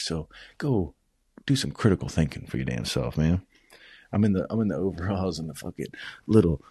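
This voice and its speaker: A man's voice: extremely low pitch, vocal fry, slightly rough, no echo, clean studio sound. A man casually recapping fight events at home, rambling and swearing, tossing in "bro" and "man" constantly. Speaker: combat sports vlogger.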